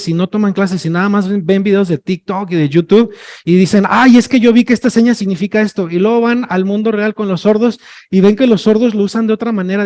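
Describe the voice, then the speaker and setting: This man's voice is high and a little mellow as he lectures at a workshop as a sign language trainer. Chatty and joking with his audience, he often tacks on "ok?" and "no?" to check in.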